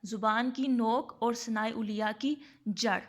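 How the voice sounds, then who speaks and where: A woman teaching a Quran reading lesson, her voice sitting a little high. She asks her own questions and answers them in the same breath. She draws each letter sound out slowly and deliberately to demonstrate it. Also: fairly even intonation. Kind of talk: tajweed lesson.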